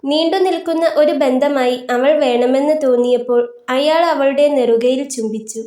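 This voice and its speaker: A woman reads a literary novel aloud in a calm, steady storytelling voice. Her pitch sits high. The recording carries a noticeable room echo. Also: moderate pace. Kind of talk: scripted narration of a literary story. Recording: roomy echoey room.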